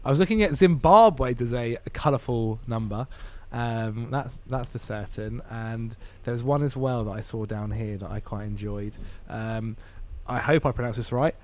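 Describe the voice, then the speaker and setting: A man chats about football as a podcast guest. His voice sits in a middle pitch, and he talks in a laid-back, hesitant way, pausing often on ums. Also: a little mellow. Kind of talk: casual football podcast chat.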